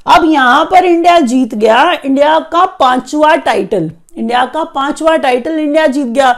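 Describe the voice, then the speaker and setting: A woman's voice: sits high, a little slow. A woman teaching an exam-prep current affairs lesson, explaining and repeating key facts so students memorize them.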